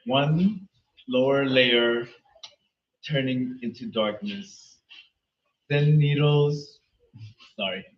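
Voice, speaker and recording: A man reading a poem aloud at an open mic in an earnest, measured way. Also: medium pitch. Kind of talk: poetry reading. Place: small venue. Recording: echoey room from far off, dull sound.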